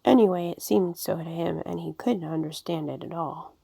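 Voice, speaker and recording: A woman reading a children's storybook aloud in a gentle, expressive way. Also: lowish voice, moderate pace, creaky, dry recording. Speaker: audiobook reader.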